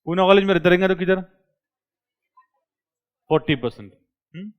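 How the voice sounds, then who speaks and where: A male commerce tutor, lecturing a classroom and quizzing his students with quick questions. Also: sits high, clean tone, highs cut off.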